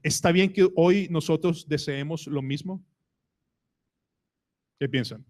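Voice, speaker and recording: A man's voice: fairly high pitch, slow, a little mellow. A man with a Colombian Spanish accent preaching a sermon in church, asking the congregation questions and retelling conversations. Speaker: pastor.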